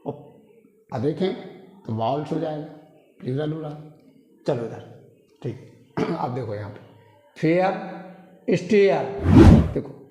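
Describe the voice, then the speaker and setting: A man's voice: fairly high pitch, a little slow, long pauses, dark tone, soft background music. Man teaching with a roomy hall echo. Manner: repetitive, drilling, frequent tag questions. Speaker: English pronunciation teacher. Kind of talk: classroom-style lesson.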